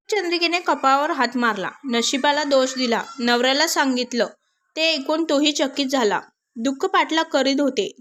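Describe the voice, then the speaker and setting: A woman narrating a devotional folk story in a measured, plain storytelling manner. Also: sits high, a bit bright.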